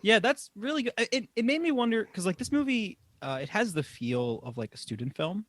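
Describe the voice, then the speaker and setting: Young man, podcast co-host, lively pitch, laughs a lot, swears, middle pitch, dry close sound. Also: a little fast, no echo. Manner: laughs often, swearing, animated. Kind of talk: casual chat.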